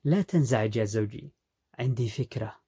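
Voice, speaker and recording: A man's voice: mid-range voice, fairly quick, warm tone, breathy edge. A man voicing a lazy, carefree young wife who talks in a nonchalant, dismissive way. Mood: careless.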